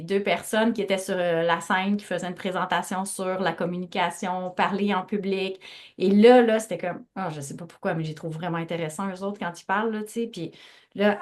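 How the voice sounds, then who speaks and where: Quebec french woman in her 40s, chatty guest, tells her story with lots of euhs. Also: on the low side. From Lac-Saint-Jean, Quebec. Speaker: guest coach and speaker. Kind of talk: casual interview chat.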